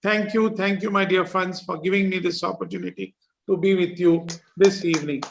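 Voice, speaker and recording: A man with a notably high-pitched voice delivers a formal ceremonial address. He reads a prepared speech in a measured, dignified way, as a district governor speaking to club members. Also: fairly even intonation, vocal fry, slight background noise, low-quality recording.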